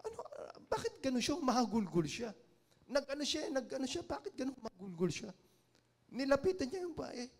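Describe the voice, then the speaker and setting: High-voiced Filipino preacher telling stories. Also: male voice, very animated, fairly quick. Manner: storytelling, acting out quoted voices, swings from hushed to loud. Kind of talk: sermon. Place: church.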